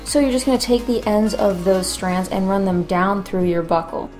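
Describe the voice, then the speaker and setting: A woman's voice: mid-range voice, normal speed, a little mellow, faint music behind. A woman narrating a craft tutorial as its host, in an informal, conversational way.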